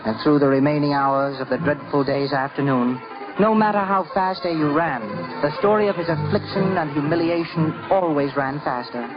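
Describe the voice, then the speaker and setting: Here a man's slightly high voice moves at a moderate pace through a scripted narrative in theatrical, lyrical 1950s radio fashion, leaning on dramatic emphasis. It's a dull old radio recording with prominent background music.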